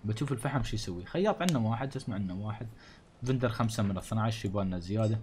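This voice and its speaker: A man's voice: fairly low pitch, lively intonation, racing, a little mellow, a little hiss or hum. A man with a Gulf Arabic accent giving casual gameplay commentary, thinking aloud and grumbling jokingly at the game's townsfolk. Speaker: gaming channel host. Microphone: studio condenser mic.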